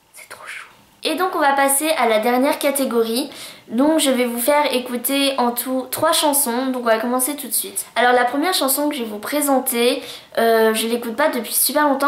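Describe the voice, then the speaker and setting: A woman vlogging her monthly favourites in a chatty, bubbly way, gushing over things with cutesy words. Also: on the high side. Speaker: beauty vlogger. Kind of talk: casual monthly favourites vlog. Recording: roomy echo.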